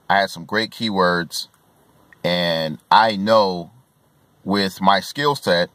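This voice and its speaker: A man's voice: low voice, a bit bright, dry recording. A man in his forties giving earnest coaching advice from inside a car, filmed on a phone camera at arm's length, with many fillers and restarts. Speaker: real estate investor giving tips. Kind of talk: casual advice vlog. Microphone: phone camera at arm's length, filmed from below.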